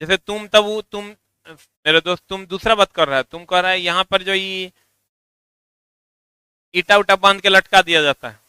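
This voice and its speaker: A high, bright, piercing male voice, smooth and crisp, recorded dry and close. He teaches physics in a teasing way and drills his students with repeated chants. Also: steady tone, moderate pace, pauses often, dry recording. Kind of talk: classroom physics lecture.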